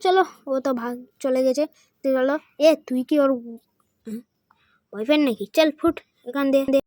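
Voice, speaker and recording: A woman doing excited gameplay commentary, dropping Hindi phrases in as she counts and clicks. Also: high-pitched, moderate pace, no room sound, studio quality. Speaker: gaming channel host.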